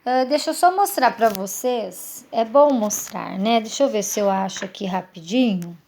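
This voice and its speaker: A woman's voice: mid-range voice, expressive, normal speed, vocal fry, darkish tone. A woman teacher, explaining a lesson to young children step by step, patient and checking in with questions. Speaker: primary school teacher.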